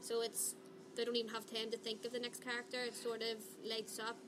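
A woman's voice: fairly high pitch, monotone, brisk. A woman chatting casually in an interview as a play's director. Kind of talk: casual chat. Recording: clearly noisy background ambience.

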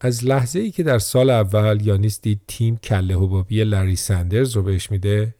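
Low-voiced guy reading an audiobook, mellow and dry, steady pace. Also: dry recording. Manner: steady storytelling read. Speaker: narrator. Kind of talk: audiobook narration.

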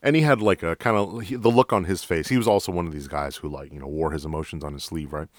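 A man's voice: low-pitched, fast talker, no room sound, studio quality. A man with a New York accent, a police officer hosting a podcast, telling stories in a blunt, profane, direct way. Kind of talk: casual storytelling.

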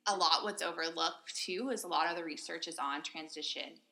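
Woman co-host w/ a creaky gravelly voice, keeps saying "right?" while she explains stuff. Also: sits low, brisk, sharp tone. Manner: explains methodically, tags points with "right?". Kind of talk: casual academic discussion.

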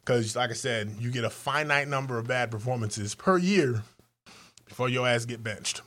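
A man cohosting a podcast, telling raunchy stories in a profane, animated way and acting out voices. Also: medium pitch, moderate pace. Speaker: podcast co-host. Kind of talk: raunchy comedic banter.

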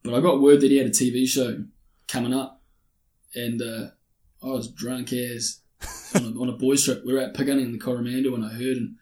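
Speaking fairly quickly with little pitch movement, this man has a warm mid-range voice and a broad New Zealand accent. A spear fisherman and underwater cameraman, he's an easygoing, slangy, matey interview guest in casual conversation. Roomy echo, faint noise and clicks mark the audio.

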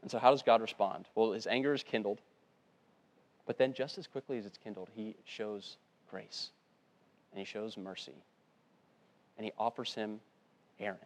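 A man preaching a sermon, earnest, often dropping to a soft, low voice to stress a point. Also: steady tone, normal speed, long pauses. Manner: earnest, drops to a hushed low voice for emphasis. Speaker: pastor.

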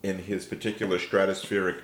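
A man, an interview guest and bass player, telling rambling, emotional anecdotes. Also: flat delivery, a little fast. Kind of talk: storytelling interview. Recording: echoey room.

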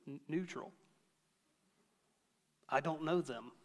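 Preaching to a congregation, a male pastor in his thirties keeps things chatty and story-driven, poking fun at himself along the way. He speaks slowly in a fairly high voice, and the sound is that of a big room.

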